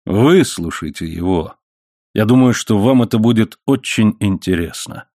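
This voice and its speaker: A man reading an audiobook, voicing a sardonic man who speaks in quiet, mocking tones. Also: fairly low pitch, expressive, measured pace, no echo, clean studio sound. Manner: quietly mocking, grimly sarcastic. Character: sardonic cold-hearted man taking revenge.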